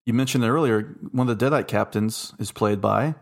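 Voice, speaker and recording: A man's voice: on the low side, a little fast, creaky. A man hosting a casual film discussion, talking in an enthusiastic, jokey way. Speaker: podcast host.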